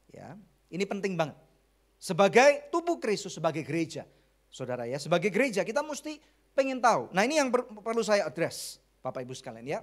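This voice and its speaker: A middle-aged man with an Indonesian accent, a pastor preaching a lively, conversational sermon full of jokes and English phrases. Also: sits high.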